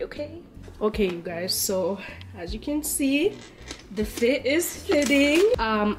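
A young woman with a cold and a congested voice, chatting upbeat and slangy through a casual outfit vlog. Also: medium pitch. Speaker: fashion vlogger.

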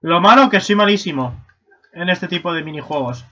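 A young man commenting casually on a video game stream, swearing and breaking into excited shouts. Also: sits high, moderate pace. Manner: excitable, swearing, bursts into shouts and silly voices. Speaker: gaming streamer. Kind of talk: casual let's-play commentary. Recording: lo-fi stream mic audio.

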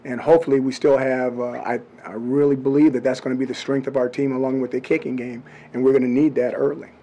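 Blunt middle-aged coach at press table. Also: male voice, medium pitch, little pitch movement, mellow. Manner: blunt, measured answers. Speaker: head football coach. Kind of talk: postgame press conference. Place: press room before a branded backdrop. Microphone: table microphones.

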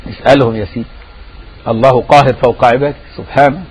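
Fast-talking husky Egyptian teacher. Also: male voice, mid-range voice, fairly even intonation, a little mellow, rough recording. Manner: conversational, keeps checking understanding with rhetorical questions. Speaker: Sufi scholar teaching a lesson. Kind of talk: religious lesson in colloquial Egyptian Arabic.

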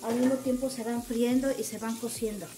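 Faint music sits behind a woman who talks fairly quickly, her fairly high voice steady and mellow. With a Mexican Spanish accent, she presents recipes as a home cook, explaining each step casually and homely, with many diminutives, in an echoing home room.

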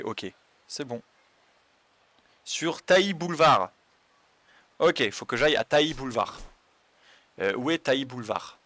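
A man's voice: medium pitch, a bit bright, dry recording. A man giving casual running commentary as he plays a video game, talking to himself with frequent hesitations. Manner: mumbled running self-talk with frequent hesitations. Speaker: let's play host.

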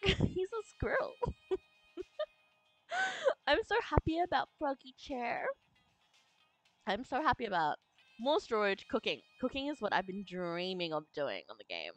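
A woman's voice: mid-range voice, big pitch swings, a little slow, pauses often, no echo, soft background music, low-quality recording. A woman chatting casually to her viewers while playing a game, giggling often. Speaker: streamer. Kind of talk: casual gameplay chat.

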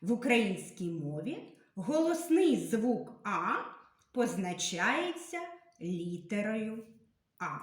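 A woman's voice: medium pitch, big pitch swings. A woman teacher giving a literacy lesson to young children, asking questions, answering them herself and drawing out the vowel sounds. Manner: sing-song, drawn-out sounds, questions then answers to children. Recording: echoey room.

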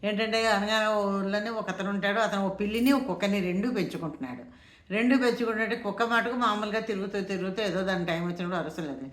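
A woman's voice: mid-range voice, quick pace. Woman storyteller, casual and chatty, talks to listeners, roomy echo. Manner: chatty, addresses listeners directly. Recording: echoey room.

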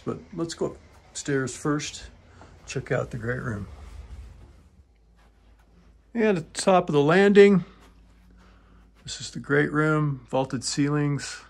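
In a creaky, medium-pitched voice, a man walks through a wooden townhome as a real estate agent, reeling off features in short, clipped phrases. The indoor walkthrough narration carries slight background noise.

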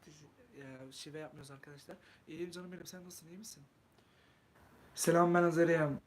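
A man from Turkey hosting a casual live stream, chatting with viewers, greeting them warmly and reading comments while he cooks. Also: on the high side, quick pace, slightly rough. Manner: talks while cooking.

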